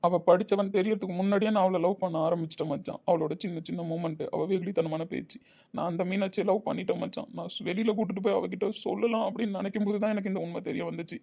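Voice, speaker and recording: A young husband torn by guilt and love, played by a man. His voice is high and fast, with a dark, mellow tone. He pleads with raw emotion. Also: steady tone, vocal fry, lo-fi sound. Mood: lovesick.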